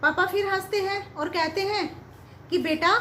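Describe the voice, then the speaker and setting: Very high-voiced woman telling a moral story. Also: steady tone, moderate pace, pushed and bright, a little hiss or hum. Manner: simple, moralising, repetitive. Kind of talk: motivational storytelling. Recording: roomy echo, faint ambience.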